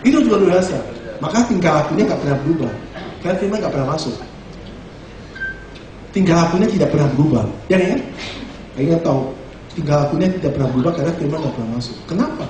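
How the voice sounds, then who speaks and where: A male pastor giving a lively, joking sermon full of rhetorical questions. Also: a little high, quick pace, long pauses, heavy reverb, distant mic, noisy background. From Indonesia.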